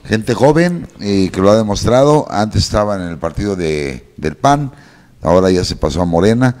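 A man's voice: fairly low pitch, expressive, normal speed, darkish tone. A Mexican man hosting a live radio talk show in a chatty, ringmaster-like announcing manner. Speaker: radio show host and clown. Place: office-like room, seated at a table. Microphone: handheld microphone.

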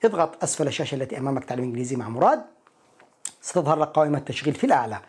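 Quick-talking husky male teacher. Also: medium pitch, animated. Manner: explains, repeats each word slowly. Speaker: English teacher. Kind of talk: pronunciation lesson.

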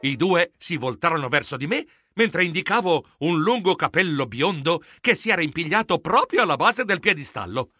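A man giving animated, expressive narration of a children's audiobook, voicing a flustered mouse hero. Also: fairly high pitch, moderate pace, hardly any pauses, breathy edge, soft background music. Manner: expressive, excitable.

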